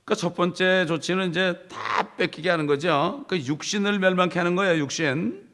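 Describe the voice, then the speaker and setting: A middle-aged man preaches a Bible study with a gravelly, creaky edge to his voice. He leans into his points emphatically and speaks in a conversational way, often addressing the congregation directly. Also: high voice, fairly quick, a bit bright. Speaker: pastor.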